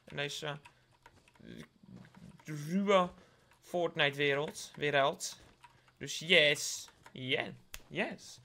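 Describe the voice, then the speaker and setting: A man's voice: a little high, drawn-out words, creaky, long pauses, bright, forceful tone. A young man from the Netherlands with a Dutch accent, giving playful live gameplay commentary, joking with his viewers and dropping English slang. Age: young adult. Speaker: gaming YouTuber.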